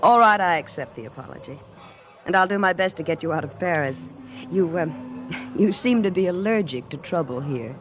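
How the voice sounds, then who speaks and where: A woman acting a haughty, theatrical young lady in a 1940s radio drama, with crisp delivery. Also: lowish voice, expressive, normal speed, faint music behind, lightly acted. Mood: softening. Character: indignant haughty young woman brushing off accusations. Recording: noisy vintage radio recording.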